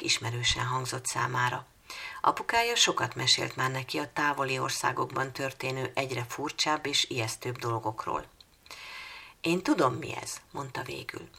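A woman reading a children's storybook aloud in a calm, measured way, sometimes dropping almost to a whisper. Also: very deep voice, vocal fry. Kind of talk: storybook narration.

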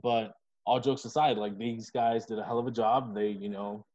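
A man's voice: fairly low pitch, steady tone, moderate pace, darkish tone. A man co-hosting a casual podcast chat, talking in a loose, profane and jokey way. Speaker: podcast co-host. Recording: slightly dull lo-fi sound.

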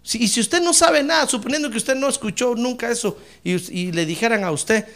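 A man pastor preaching a sermon, emphatic and addressing listeners as brother, swinging from hushed asides to shouted praise. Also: very high-pitched, a little fast.

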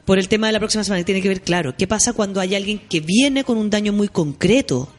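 A woman's voice: medium pitch, quick pace. Chilean woman co-host, reflective and explanatory, casual swearing, faint music underneath. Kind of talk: casual chat reading listener messages.

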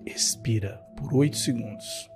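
A man leading a guided meditation as its host, softly and slowly counting breaths with a husky, creaky voice. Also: medium pitch, music in the background.

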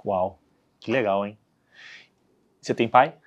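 A man's voice: lowish voice, takes it slowly, dull audio. A man from Brazil hosting a podcast, chatting casually and putting in short, encouraging remarks. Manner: brief, encouraging interjections. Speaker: podcast host. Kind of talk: casual chat.

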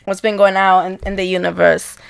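A woman's voice: medium pitch, little pitch movement, fairly quick, gravelly, clean tone. A woman co-hosting a podcast in casual chat, joking and slangy. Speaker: podcast co-host.

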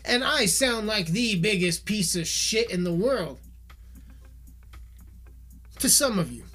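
A man's voice: sits high, expressive, takes it slowly, sharp tone, husky. A man giving a heated, profanity-filled video rant, swearing constantly and repeating himself, with faint music behind him. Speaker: musician ranting on camera.

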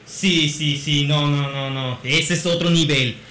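A man's voice: on the high side, fairly even intonation, takes it slowly, pushed and bright. A man in casual chat, asking questions and joking. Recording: roomy with faint noise.

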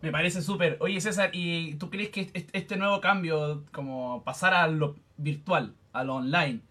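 An enthusiastic male host with a fairly high voice asks a guest questions over a video call. He sounds playful and warmly admiring as he talks. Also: measured pace. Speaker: interviewer host. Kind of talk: casual interview conversation.

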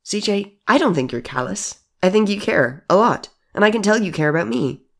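A storyteller voicing Aaron, a gentle, caring young man who speaks earnestly and reassuringly. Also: mid-range voice, expressive, normal speed, vocal fry, voice pushed up. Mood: concerned. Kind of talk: audiobook character voice.

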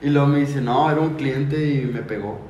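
A man's voice: medium pitch, moderate pace, a little mellow, reverberant, highs cut off, a little hiss or hum. A man with a Mexican accent telling a crude, slang-heavy story as a podcast guest, forever saying "güey". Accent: Mexican Spanish. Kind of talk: casual storytelling. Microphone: podcast mic.

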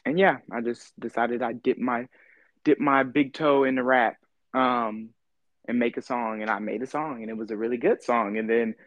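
A man in his twenties from California, chatting casually as a podcast guest, halting and easygoing, with lots of ums. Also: medium pitch, fairly even intonation, no echo, muffled recording. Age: 20s. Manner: laid-back, halting, full of ums and laughs. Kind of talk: casual interview chat.

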